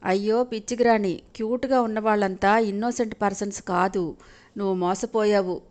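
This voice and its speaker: A woman's voice: medium pitch, steady tone, moderate pace, a little mellow, natural voice. A woman voicing a drunk, heartbroken young man who pleads tearfully in an audio story.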